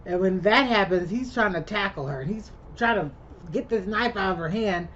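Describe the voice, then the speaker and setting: A woman's voice: mid-range voice, moderate pace, a bit bright. A woman vlogger casually retelling a movie plot, rambling along and chiming in with her own reactions. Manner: chatty, rambling storyteller who chimes in with her own reactions. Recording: slightly muffled with faint background hum.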